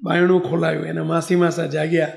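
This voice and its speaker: A male spiritual leader who tells a devotional story in a sermon with animated, vivid delivery. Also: fairly high pitch, brisk, vocal fry. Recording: echoey hall.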